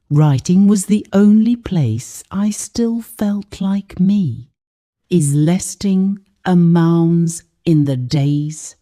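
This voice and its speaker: A woman reads a dramatic first-person story aloud, slow and hushed. Her voice is very dark and mellow, lowish in pitch, yet rises and falls expressively. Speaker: narrator. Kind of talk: scripted storybook narration.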